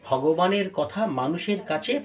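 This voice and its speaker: A man giving a devotional sermon, explaining and slowly chanting scripture verses. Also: high-pitched, lively intonation. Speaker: preacher.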